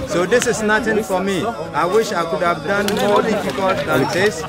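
An older man with a high voice speaks earnestly and solemnly about the challenge. A loud crowd surrounds him outdoors. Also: moderate pace.

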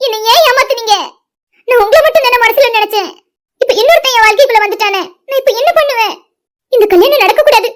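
A betrayed young woman in a cartoon, her voice pitched very high and running quickly as she pleads through tears. She keeps asking the man who left her why he did it. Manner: pleading, tearful questioning. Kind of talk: cartoon voice acting.

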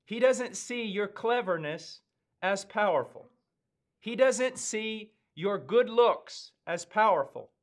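Man, American accent, fifties, sermon, emphatic pauses, high-pitched, studio. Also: expressive. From United States. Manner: slow, earnest, emphatic, with weighty pauses. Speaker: preacher. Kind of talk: sermon teaching. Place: studio with dark backdrop, indoors.

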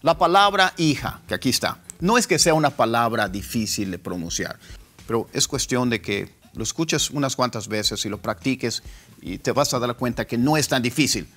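A man teaching English pronunciation, repeating example words slowly as drills. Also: medium pitch, expressive, a bit bright. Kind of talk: pronunciation lesson.

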